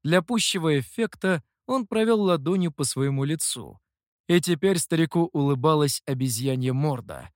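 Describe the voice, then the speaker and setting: Male narrator, audiobook narration, lively intonation, dry close sound. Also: a little high, normal speed, no room sound. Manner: expressive.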